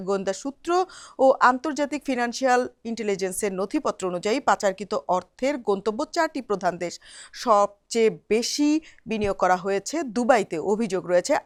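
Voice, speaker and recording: A woman presenting the news, reading a script in a steady, formal newsreader manner. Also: mid-range voice.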